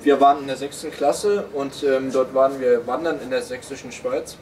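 A man's voice: medium pitch, steady tone, moderate pace, darkish tone. A young man telling a story in casual chat, rambling with many fillers. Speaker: podcast co-host. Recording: distant room mic with clear background noise.

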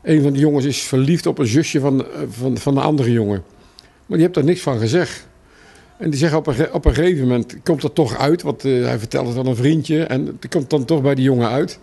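A man who coaches a youth theater group, telling relaxed anecdotes in an interview. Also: mid-range voice, brisk, vocal fry, breathy edge. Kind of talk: interview answers.

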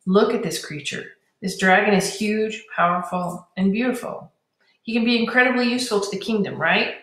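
A woman's voice: medium pitch, moderate pace, a bit bright, natural voice. A woman voicing an earnest, wistful young man who trains dragons, speaking in a heartfelt way, in a storybook reading. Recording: roomy echo.

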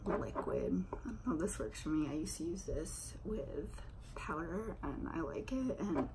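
This lifestyle vlogger, a woman in her twenties, keeps her voice soft and half-whispered while applying makeup in her bedroom, partly because her roommates are around and partly because she's losing her voice. She sounds on the low side yet expressive, unhurried, rambling and self-deprecating in a casual get-ready-with-me chat. The phone or laptop camera sits at arm's length, with noise in the background.

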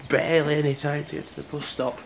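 Young man, fairly high voice, rambling walk-and-talk vlog, faint street hum behind. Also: completely flat delivery, fast talker, vocal fry, low-quality recording. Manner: rambling, chatty, talks to the camera while walking. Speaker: vlogger. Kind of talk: casual walking vlog. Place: outdoors on a quiet street before dawn.

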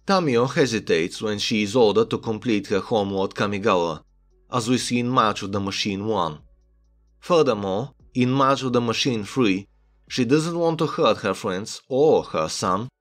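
A man narrating a video essay, making his analytical case and reading story excerpts aloud. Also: medium pitch. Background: background music.

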